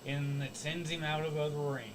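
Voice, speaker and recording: A man co-hosting a casual wrestling talk show, speaking haltingly with many filler sounds. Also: on the high side, fairly even intonation, a little hiss or hum. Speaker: co-host.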